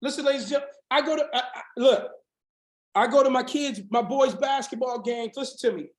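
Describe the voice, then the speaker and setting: Hoarse, fiery preaching man coach. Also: extremely high pitch, a little fast, roomy sound. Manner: fiery preaching, rising to shouts. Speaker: business coach. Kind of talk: motivational sales training on a video call.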